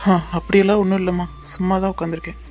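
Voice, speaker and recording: A woman's voice: fairly low pitch, little pitch movement, very fast, a little mellow, faint music behind, lightly acted. A woman voicing a lovesick young cartoon man. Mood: troubled. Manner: subdued, wistful. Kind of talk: cartoon voice acting.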